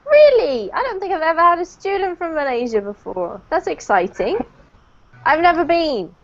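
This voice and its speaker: A woman's voice: very high-pitched, big pitch swings, normal speed, dull audio, a little hiss or hum. A woman from the UK who lives in New Zealand, teaching an online English class in a friendly way and laughing often. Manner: friendly, laughs often, talks over students. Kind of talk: casual online class chat.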